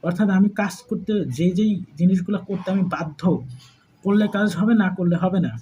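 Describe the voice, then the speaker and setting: Students hear a math lesson from a man whose Bangladeshi Bengali accent comes through a high-pitched, mellow voice with a steady tone and slightly fast pace. He keeps it conversational, uses English terms, and poses repeated questions to check understanding. There's a little hiss or hum on the poor audio.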